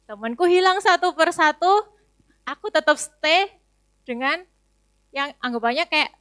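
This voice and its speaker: A woman's voice: high-pitched, animated, measured pace, pushed and bright, dry recording, clean studio sound. A young adult woman giving a chatty, conversational sermon testimony at a youth service, full of casual fillers. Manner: chatty, casual, many fillers and tag words.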